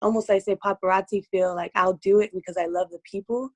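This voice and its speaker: A woman with a hoarse, strained voice, speaking earnestly as an interview guest giving personal testimony. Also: medium pitch, fairly even intonation, fast, no room sound.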